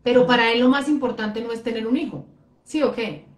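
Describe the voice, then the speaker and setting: High-voiced woman chatting in an echoey room. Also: brisk. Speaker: host, life coach. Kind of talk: casual chat.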